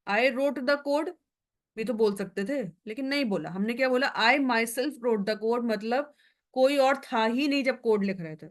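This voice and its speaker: Hindi-speaking woman teaching grammar. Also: fairly high pitch. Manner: explains in Hindi, reads English examples slowly; checks in with students often. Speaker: English grammar tutor. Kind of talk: online class lecture.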